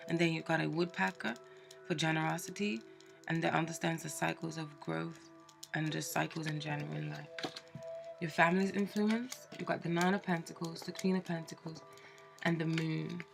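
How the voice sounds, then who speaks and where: Over music, a congested woman with a cold gives a chatty, casual tarot reading riddled with fillers and restarts. She speaks at normal speed in a low, gravelly voice with fairly even intonation.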